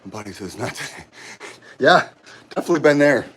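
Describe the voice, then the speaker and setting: A middle-aged man, out of breath, chatting casually with viewers of his livestream during a gym workout, halting and rambling with many restarts. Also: a little high, animated, a little hiss or hum. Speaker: livestream host. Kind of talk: casual chat while working out on a livestream. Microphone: camera set up nearby.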